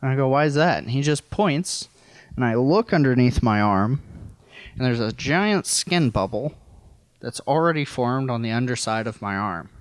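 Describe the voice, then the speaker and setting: An American man from rural Missouri, appearing as a podcast guest, tells a personal story in a casual, wry, self-deprecating, and profane way. His mid-range voice is clear and resonant, with lively intonation and a moderate pace, and there is no room sound.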